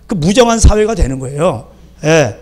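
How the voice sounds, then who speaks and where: A male pastor preaching a sermon in church. He keeps checking in with the congregation with quick call-outs and acts out scolding parents. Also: a little high, very animated, darkish tone. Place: church sanctuary.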